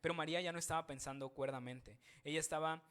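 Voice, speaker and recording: A man's voice: a little high, steady tone, quick pace, fairly bright tone, clean tone. A man preaching a sermon, reading scripture aloud and then explaining it with questions to his listeners. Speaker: pastor.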